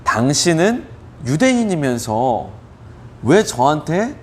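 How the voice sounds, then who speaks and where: A man's voice: fairly high pitch, very animated, slow. Man voicing a scornful Samaritan woman. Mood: sarcastic. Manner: mocking, incredulous retorts. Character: sharp-tongued Samaritan woman at a well.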